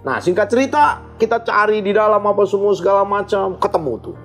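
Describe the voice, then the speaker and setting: A man as an interview guest, telling a personal story in an expressive, animated way. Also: high voice, fairly quick, faint music behind.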